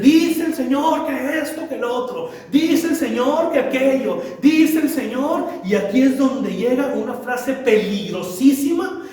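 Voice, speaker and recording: Pastor guy preaching, really high voice, repeats stuff, big echoey church, mic kinda far. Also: slight background noise. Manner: emphatic preaching with repetition and rhetorical questions. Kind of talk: sermon.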